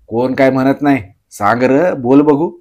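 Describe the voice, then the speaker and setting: A man's voice: medium pitch, moderate pace, a little mellow, close to an everyday voice. Man reads an impatient village chief, stern, storybook telling. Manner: stern, pressing, raised voice.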